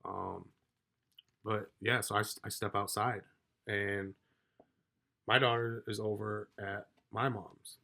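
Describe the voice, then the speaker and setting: A man telling a story from his own life in a casual, rambling way, swearing often and getting loud as he relives an argument. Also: on the low side, little pitch movement, slow, long pauses. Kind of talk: casual personal account.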